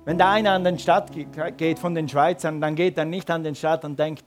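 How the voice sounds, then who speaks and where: A man's voice: on the high side, fairly even intonation, moderate pace, music in the background. A man preaching a sermon and calling his congregation to respond. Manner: preaching with rising emphatic calls to the congregation. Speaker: pastor.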